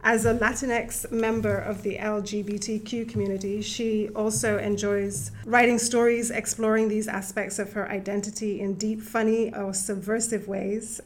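A woman hosting an interview, giving a formal introduction and asking questions in a steady, measured way. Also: mid-range voice. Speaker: interview host introducing a guest.

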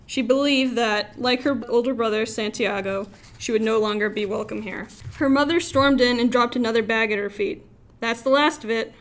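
A young woman from Los Angeles, a student author, reading her own story aloud in a wry, expressive way. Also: on the high side, normal speed, hardly any pauses. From Los Angeles, USA. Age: young adult.

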